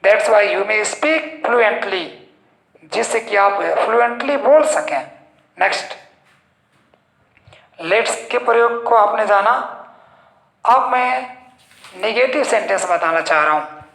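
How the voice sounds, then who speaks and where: A male English teacher giving a slow, explanatory grammar lesson in Hindi, posing rhetorical questions and answering them himself. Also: sits high, expressive, vocal fry, fairly bright tone. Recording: echoey room.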